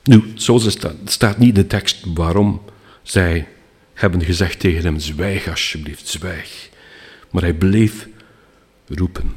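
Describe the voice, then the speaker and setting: A man preaching a sermon, earnest and emphatic, often slowing down and dropping almost to a hush. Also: low voice, breathy edge, in a large hall.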